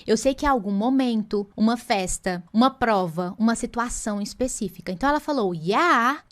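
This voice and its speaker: A woman teaching English in an online lesson. She explains patiently and drags out the English example phrases to show how they are pronounced. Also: medium pitch.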